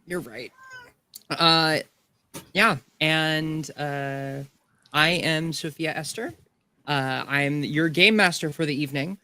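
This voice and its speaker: A woman hosting as game master of a tabletop game stream, speaking haltingly with many fillers. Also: sits low, sharp tone. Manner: halting, many ums and uhs.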